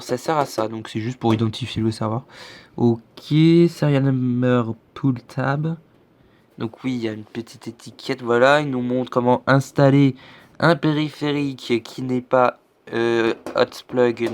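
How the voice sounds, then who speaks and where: A man hosting a casual hardware walkthrough, rambling and chatty with filler words, showing parts as he talks. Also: medium pitch. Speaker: tech video host.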